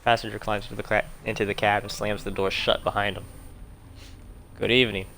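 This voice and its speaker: Gravelly low-voiced man reading game text. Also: flat delivery, fast talker, a bit bright, slight background noise. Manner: casual, swears freely, reads text aloud plainly. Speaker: game streamer. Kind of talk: reading game text aloud and playing live.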